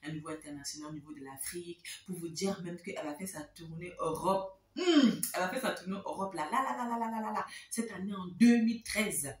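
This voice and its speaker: A woman host casually telling a story to her viewers, chatty and lively, repeating words for emphasis. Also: on the low side, fairly quick, hardly any pauses, reverberant, distant mic.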